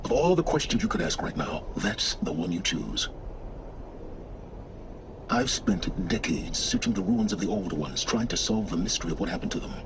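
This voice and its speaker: Sylens, an imperious deep-voiced scholar. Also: male voice, sing-song, background noise. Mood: condescending. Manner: pompous, measured, theatrical delivery. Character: imperious, condescending male scholar of ancient ruins. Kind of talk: video game dialogue.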